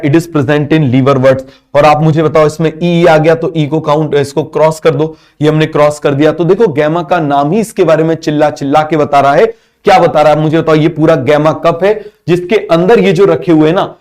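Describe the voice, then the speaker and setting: A man's voice: fairly high pitch, a little mellow. A male teacher giving a biology class, asking constant questions, having students repeat answers, and mixing English terms into Hindi.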